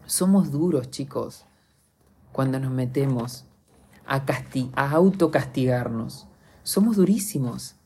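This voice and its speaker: A man's voice: mid-range voice, animated, takes it slowly, a little mellow, slight background noise. A man with an Argentine accent hosting a podcast, speaking in an earnest, confessional reflective monologue straight to his listeners. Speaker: podcast host.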